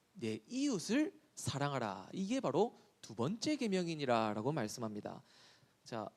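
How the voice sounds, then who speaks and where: A man gives a sermon to a children's group. His voice sits somewhat high and swings widely in pitch as he asks questions and answers them. He slows down when quoting scripture. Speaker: children's ministry preacher.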